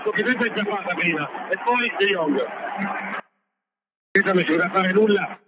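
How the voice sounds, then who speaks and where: A man giving excitable, partisan live football radio commentary, repeating words and names. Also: high voice, moderate pace. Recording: noisy radio broadcast with loud stadium crowd. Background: loud stadium crowd.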